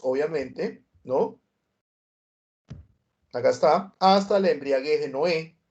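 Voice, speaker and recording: Peruvian-born man teaching history, lively. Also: mid-range voice, muffled recording. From Peru. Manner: animated storytelling, frequent tag questions. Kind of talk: university prep lecture.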